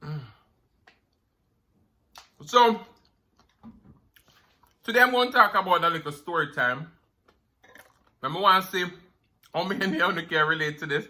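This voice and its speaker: A man's voice: high voice, unhurried, long pauses, bright, forceful tone. A man with a Jamaican accent chatting casually as a mukbang host, eating crunchy fried chicken between savoring mms. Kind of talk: casual eating-show chat.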